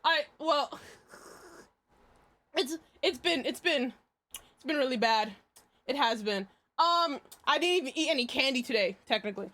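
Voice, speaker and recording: Young woman streamer, really high voice, hyper and giggly, kinda scattered, repeats words, drawn-out pace. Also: lively intonation, sharp tone. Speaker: livestreamer. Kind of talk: casual livestream chat.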